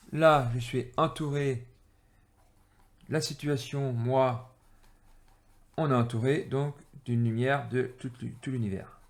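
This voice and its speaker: Drawing as he goes, a French man of medium pitch walks through an energy-healing exercise. His delivery is halting, full of pauses and fillers, and he comes across as weary and annoyed.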